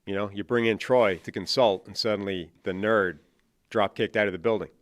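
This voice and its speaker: A man's voice: on the low side, fairly even intonation, brisk, no echo. A man co-hosting a casual football podcast, wry and joking, spinning out a running bit. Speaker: podcast co-host, football analyst. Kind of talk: casual sports podcast chat.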